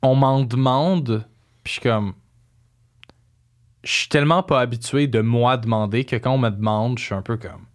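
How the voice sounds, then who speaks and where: A man's voice: mid-range voice, normal speed, pauses often. A young adult man with a Quebec French accent, chatting casually in slangy speech sprinkled with English phrases. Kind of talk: casual chat.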